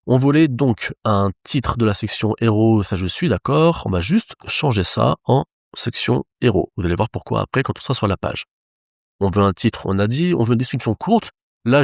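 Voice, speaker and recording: A man's voice: lowish voice, dry recording, clean studio sound. A man teaching web development, explaining each step of a screen-recorded tutorial to his viewers.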